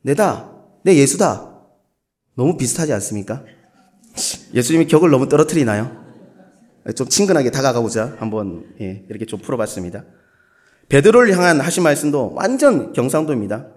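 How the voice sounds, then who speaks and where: Animated Gyeongsang man preaching. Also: mid-range voice, fairly quick. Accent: Gyeongsang Korean. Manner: playful, with lively acted quotes. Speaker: pastor. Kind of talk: sermon.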